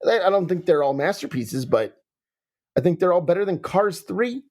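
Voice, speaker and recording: A podcast guest in casual chat who often restarts and repeats words, with quick laughs. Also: medium pitch, expressive, darkish tone.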